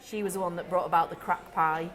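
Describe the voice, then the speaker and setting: A woman co-hosting a casual food tasting chat, talking with her mouth full and filling pauses with ums. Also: fairly low pitch, steady tone, a bit bright. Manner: chatty, eats while talking, many ums. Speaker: deli owner co-host. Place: deli or shop indoors.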